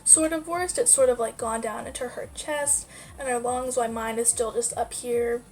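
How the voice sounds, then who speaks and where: In this poor-quality recording, a young adult woman vlogger offers a casual life update, rambling and using many fillers. A sinus infection makes her stuffy and nasal; her fairly high voice holds a steady, darkish tone at a moderate pace.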